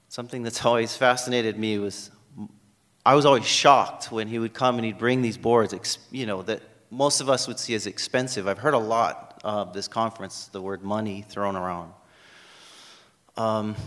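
A middle-aged man from Hawaii, a history professor with a Hawaiian accent, gives a conference lecture at a podium in a university lecture hall, with plenty of ums and uhs. His voice is fairly low and a bit bright. The podium microphone picks up a reverberant hall.

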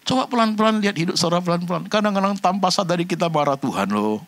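A man preaching a sermon, addressing the congregation directly and swinging between loud high bursts and low quiet passages, dropping in English phrases. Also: racing. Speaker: pastor.

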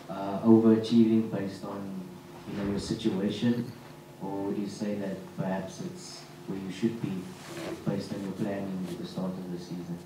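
Guy reporter low flat voice, far from mic, echoey and noisy room. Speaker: sports journalist. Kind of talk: press conference question.

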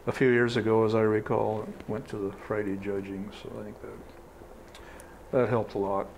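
A man's voice: lowish voice, flat delivery, normal speed, vocal fry, darkish tone, a little hiss or hum, rough recording. An older man, a fair superintendent, talking plainly and easygoing in a studio interview. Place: small TV studio. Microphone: lapel mic.

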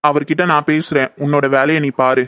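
Man as a firm reassuring householder, slightly high voice, dull lo-fi. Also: flat delivery, fairly quick, a bit bright, smooth, no echo, close to an everyday voice. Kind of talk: horror audio drama. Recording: dull lo-fi, dry.

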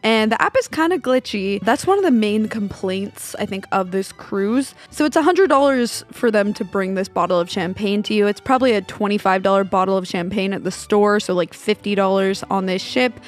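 Chatty young woman vlogging candidly. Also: medium pitch. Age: young adult. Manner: chatty, candid, filler-heavy ("like", "you know"). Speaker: travel vlogger. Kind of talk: casual travel vlog narration. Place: cabana day bed on a beach, outdoors.

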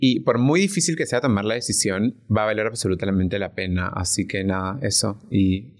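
Un hombre invitado a un pódcast que habla de forma sincera y reflexiva, y que busca a menudo la confirmación de su interlocutora. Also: male voice, fairly low pitch, moderate pace. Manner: earnest, reflective, often checks in with "¿no?". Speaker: podcast guest. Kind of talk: casual podcast conversation.

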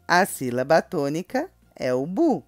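Lively low-voiced Brazilian woman teaching. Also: no echo, clean studio sound, faint music behind. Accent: Brazilian Portuguese. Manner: sing-song, calling out words in a drawn-out voice. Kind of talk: children's grammar lesson.

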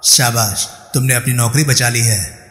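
Man doing a scornful male investigator, stern then syrupy, middle pitch, roomy echo, faint music. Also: moderate pace, fairly bright tone, lightly acted. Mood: mock-sweet. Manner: scornful, then sweetly condescending. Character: sharp-tongued male investigator, mocking and commanding.

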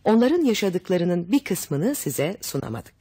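A woman's voice: lowish voice, sing-song, measured pace, breathy edge, dry recording, studio quality. A woman narrating a children's story summary and speaking directly to listeners. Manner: warm direct address to listeners. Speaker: audiobook narrator.

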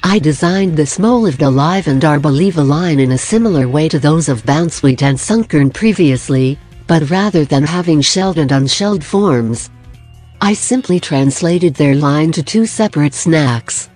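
Narrator, scripted voice-over, mid pitch, deadpan jokes, soft music bed. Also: normal speed. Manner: dry, self-deprecating humor. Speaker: art video narrator.

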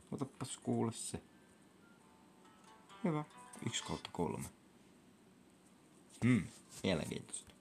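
A young man with a low, gravelly voice chats his way through a video game. He jumps into loud whoops and squeals when something happens on screen, and a faint game soundtrack plays underneath. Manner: chatty, reacts loudly with whoops and squeals to game events. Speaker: gaming vlogger. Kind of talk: casual gameplay commentary. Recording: faint game music behind.

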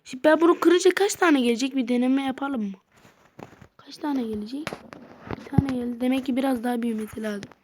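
Playing a game on stream, a woman keeps up loose, meandering commentary and talks with her audience. She has a high, slightly mellow voice and speaks fairly quickly, picked up by a noisy home microphone with clicking sounds.

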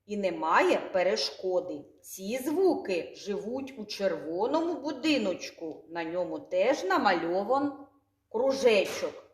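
A woman kindergarten teacher with a Ukrainian accent, speaking slowly and clearly, drawing out sounds and repeating words for the children to echo. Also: medium pitch, big pitch swings. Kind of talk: slow, clearly articulated lesson for small children.

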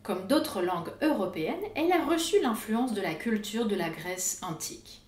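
A woman narrating an educational video as host, with a clear, didactic delivery. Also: medium pitch, animated, normal speed, a little mellow, echoey room. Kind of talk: scripted explanatory narration.

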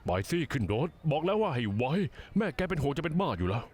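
A grumbling, henpecked middle-aged father in a dubbed TV drama. His husky voice swings lively up and down and sits a little high as he complains sarcastically. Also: quick pace. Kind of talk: Thai-dubbed TV drama dialogue.

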